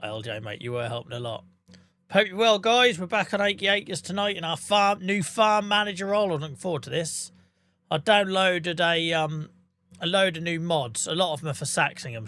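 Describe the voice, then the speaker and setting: A man in his thirties talks into his desk mic during a live game stream. His voice sits a touch higher than most men's. He is chatty and jokey, with casual swearing and frequent laughs. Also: a bit bright. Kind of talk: casual live-stream chat while gaming.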